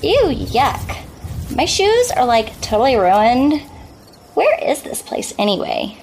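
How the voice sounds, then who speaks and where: A woman's voice: high voice, huge pitch swings, slow pace, vocal fry, background noise, heavily acted. A woman voicing a bratty, squeamish teenage girl in a cartoon, with a valley-girl way of talking. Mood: whiny.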